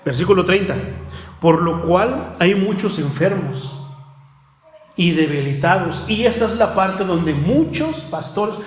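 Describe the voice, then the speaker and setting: High-voiced preacher in echoey church. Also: male voice, lively intonation, unhurried. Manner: rhetorical questions, addresses listeners as brother. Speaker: pastor. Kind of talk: sermon.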